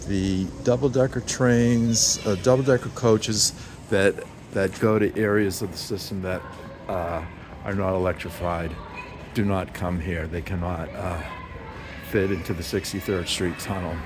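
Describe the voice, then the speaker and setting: A man's voice: deep voice, fairly even intonation, unhurried. A man giving a casual, unscripted walking tour, hesitant and thinking aloud as he goes. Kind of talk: casual, unscripted walk-through commentary. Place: indoor train station, walking. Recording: very noisy busy train station.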